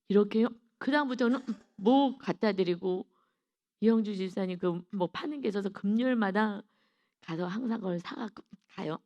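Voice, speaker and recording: A middle-aged woman preacher giving a dawn sermon, telling a personal testimony in an earnest, emotional way and often turning to speak straight to the congregation. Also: on the high side. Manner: earnest, emotional storytelling with rhetorical asides to the congregation.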